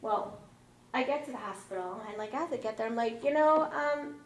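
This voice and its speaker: A woman in her thirties telling a personal story about a family car accident, lively and acting out the dialogue in a raised, excited voice. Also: a little high, brisk, a little hiss or hum. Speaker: mother recounting a car accident. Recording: roomy, distant mic with faint ambience.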